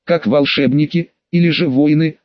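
A man's voice: fairly high pitch, fairly even intonation, moderate pace, no room sound, natural voice. Stern lecturing female mentor, read by a man, dry dull sound. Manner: strict, lecturing, mocking at times. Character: stern female magic mentor, cool and strict.

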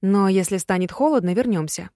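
A woman reading the lines of a young female student heroine, soft and earnest. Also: mid-range voice, brisk, no room sound, clean studio sound, lightly acted.

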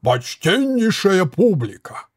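A man voicing a bearded puppeteer barker calling out rhyming fairground patter slowly and loudly. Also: high voice, very animated, slightly rough, voice pushed up, heavily acted. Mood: proclaiming.

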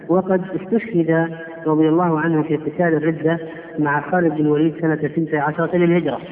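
Guy teaching a religious lesson, highish voice, tinny phone-like sound, slow and careful. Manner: slow, deliberate, explains word by word. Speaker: Islamic scholar teaching. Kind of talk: religious lesson explaining hadith. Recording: tinny, echoey hall recording.

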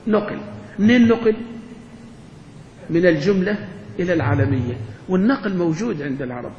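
A sheikh teaches a grammar class in a lecture hall, his fairly high voice ringing with long reverb. He keeps asking the students questions and then answering them himself. The recording is dull and lo-fi, with a faint hum underneath. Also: animated, brisk, darkish tone.

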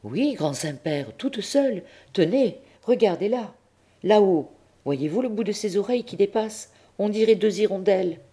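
A woman's voice: mid-range voice, expressive, moderate pace, dark tone, breathy edge, voice pushed up. A woman voicing a sly young male clerk who pretends to be upset, in a whining, mock-lamenting tone. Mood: mock-distressed.

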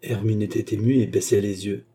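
A man narrates a classic novel in a steady, unhurried reading voice. His tone is very dark and mellow, low in pitch and slightly husky. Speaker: audiobook narrator.

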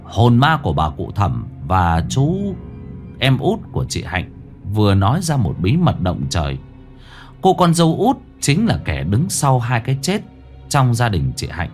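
A man narrating a ghost story in a slow, dramatic way, dropping to a hush at eerie moments. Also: medium pitch, huge pitch swings. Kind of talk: scripted horror story narration. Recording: narration over faint music.

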